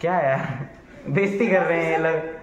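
A man's voice: a little high, normal speed, noisy background. A young man talking casually to a handheld phone camera at home, chatty and playfully teasing his family. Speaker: vlogger. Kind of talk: casual vlog narration.

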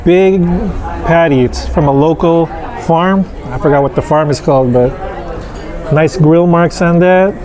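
Sitting on an outdoor patio with a camera on the table opposite, a man in his thirties who vlogs about food gives a slow, relaxed review of restaurant dishes, halting often and filling gaps with fillers. His fairly high voice is heard over a crowd in the background.

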